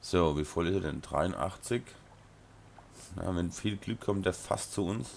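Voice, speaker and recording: Sore-throated and blocked up, this Rhine-Hessian-accented gamer sounds hoarse as he gives casual commentary in a very deep, somewhat mellow voice. Mumbling, he leans on plenty of ums. His desk mic picks up a faint hiss.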